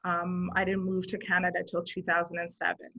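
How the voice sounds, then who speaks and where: Her voice is fairly low-pitched, monotone and sharp, and she talks fairly quickly. She's a social worker from Zimbabwe in her thirties, a guest in a relaxed interview who speaks sincerely while working through her thoughts with many fillers. The sound quality is dull and lo-fi.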